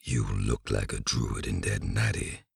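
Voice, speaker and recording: A rumbling, gravelly troll. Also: male voice, fairly even intonation, dry recording, studio quality, heavily acted. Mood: suspicious. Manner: slow, laboured speech in broken grammar. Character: huge slow-witted male troll musician.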